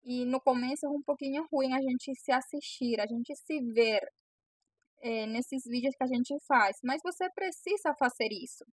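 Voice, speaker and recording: Speaking straight to camera, a young bow-maker from Venezuela coaches sellers with earnest encouragement and repeated phrases, in her native Spanish with a Venezuelan accent. Her voice is high, her speed normal, and there is no echo.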